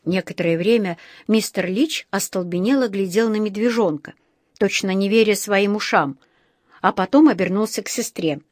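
A woman narrating a children's audiobook in a measured, expressive way. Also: mid-range voice, no room sound, studio quality.

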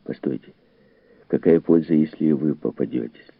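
A man's voice: very deep voice, normal speed, creaky, breathy edge, no room sound, full character voice. A man reading a hunted man giving firm orders. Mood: firm, urgent. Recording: tinny phone-like dry recording.

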